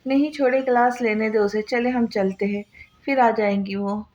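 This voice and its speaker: Woman reading as a gentle young wife. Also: fairly high pitch, steady tone, moderate pace, lo-fi sound, close to an everyday voice. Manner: soft, affectionate.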